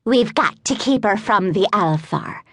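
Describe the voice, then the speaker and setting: A woman doing a squeaky, scornful male Gwyllion. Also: expressive, a little slow, fairly bright tone, dry recording, studio quality. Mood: impatient. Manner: mocking, blunt. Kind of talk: audiobook narration.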